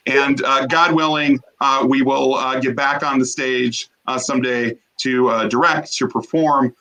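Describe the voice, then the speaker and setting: A man of middle pitch hosting a show over a video call from his home. He speaks in halting stretches full of "uh" fillers, earnest and grateful as he thanks his guests and his audience. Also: fairly even intonation, pushed and bright, low-quality recording. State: briefly emotional, coughing. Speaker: host. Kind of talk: casual closing remarks on a video call.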